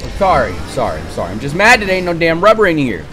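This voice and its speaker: A man casually commentating a game he plays, excitable, swearing and talking to himself. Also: on the high side, fast talker. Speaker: gaming YouTuber. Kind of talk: casual let's-play commentary. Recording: game music playing under voice.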